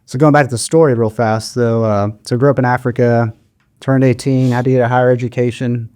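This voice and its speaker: A man's voice: medium pitch, steady tone, brisk, a little mellow, clear, resonant tone. Upbeat, chatty man telling his story. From Kenya. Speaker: guest. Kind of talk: casual chat.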